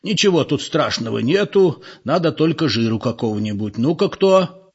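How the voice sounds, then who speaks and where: A man voicing an elderly father who speaks in a calm, practical, commanding way. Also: on the high side, normal speed, husky, pitched above the performer's own voice. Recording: dull lo-fi audiobook recording.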